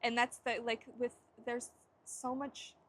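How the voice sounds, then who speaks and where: A woman's voice: a little high, level tone, takes it slowly, a little hiss or hum. A young adult woman giving a casual tarot reading to camera. She rambles and searches for words, with frequent laughs. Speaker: tarot reader.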